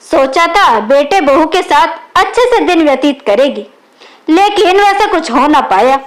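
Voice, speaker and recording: Very high-voiced woman narrating a story.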